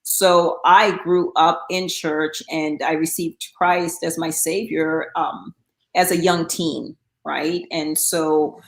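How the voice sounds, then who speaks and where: A middle-aged woman from Guyana chats casually as an interview guest, with many um fillers and restarts. Her low voice is slow and steady, and the recording is reverberant.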